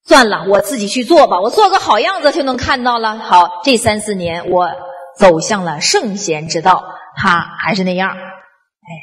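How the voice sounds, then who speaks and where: A woman addresses an audience. She tells personal stories in a colloquial, animated way, acting out dialogue and often restarting her sentences. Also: medium pitch, normal speed. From northeast China. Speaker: public speaker on traditional culture. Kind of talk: storytelling talk to an audience.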